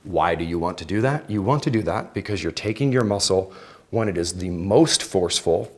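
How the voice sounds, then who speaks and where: Wearing a clip-on or headset mic, a male fitness instructor demonstrates exercises live in an indoor aerobics room filled with exercise bikes. His voice is low-pitched, expressive and a little mellow, running a little fast as he chats informally with participants.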